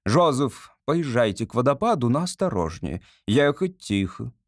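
A man voicing a proud society lady who gives her coachman sharp, measured orders. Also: medium pitch, sing-song, dry recording, studio quality. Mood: haughty. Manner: stern, sharp, measured and commanding. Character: haughty society lady in a carriage.

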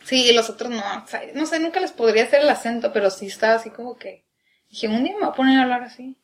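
High-voiced young woman from northern Mexico. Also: quick pace. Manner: storytelling, mimics others' accents. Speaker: podcast co-host. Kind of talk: casual chat.

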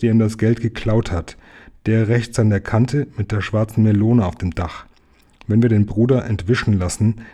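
A man's voice: lowish voice, mellow, natural voice. A man voicing a brash, bossy street boy who leads a gang, in a storybook reading. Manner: bossy, cheeky.

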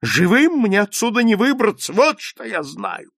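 A man voicing a terrified foreign traveller in a spoken story, pleading and crying out in a high, cracking voice. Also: huge pitch swings, moderate pace, creaky, husky, dry recording, studio quality, heavily acted. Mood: hysterical. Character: frightened foreign man, panicky and shrill.

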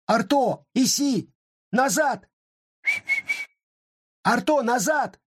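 A man voicing a young boy who talks rudely and sharply, shouting and scolding. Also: extremely high pitch, animated, drawn-out words, husky, no echo, clean studio sound, pitched above the performer's own voice, heavily acted. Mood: alarmed shouting. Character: rude, irritable young boy.

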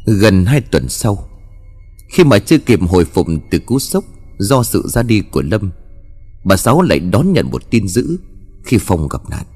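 A man giving dramatic, expressive narration of a scripted horror story. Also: on the low side, measured pace, husky, soft background music.

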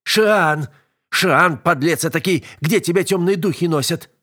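A man voicing a fussy but caring older servant woman in an audiobook. She scolds and exclaims one moment and comforts gently the next. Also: medium pitch, lively intonation, moderate pace, slightly rough, voice pushed up. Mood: fussing. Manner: scolding yet tender, exclaiming. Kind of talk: audiobook character voice.

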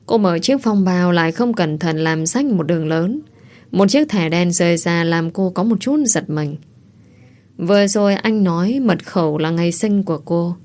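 A woman narrating a romance novel aloud in a steady, even storytelling manner. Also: lowish voice. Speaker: audiobook narrator.

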